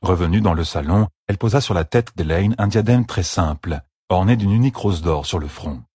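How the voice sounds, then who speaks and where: Guy reading a fantasy novel, husky voice, lively intonation, dead dry sound. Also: low voice, a little fast, no echo. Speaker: audiobook narrator.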